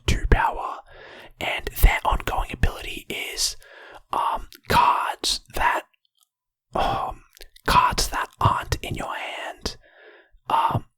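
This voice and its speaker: A person whispering informal, hesitant ASMR commentary on a card game, breathy, with wet mouth clicks, close to the microphone. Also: fairly bright tone, no echo. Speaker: ASMR content creator.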